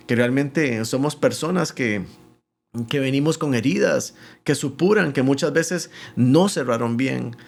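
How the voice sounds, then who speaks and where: Gravelly-voiced man telling a lively testimony. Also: medium pitch. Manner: animated storyteller who acts out the voices in his anecdotes. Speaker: pastor and guest.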